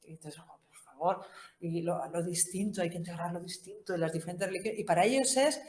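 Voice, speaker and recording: A woman's voice: fairly low pitch, fast, darkish tone. Woman from Spain teaching in a roomy space. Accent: Spain Spanish. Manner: conversational and humorous, with frequent tag questions. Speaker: Bible course speaker. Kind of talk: informal teaching talk. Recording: roomy echo.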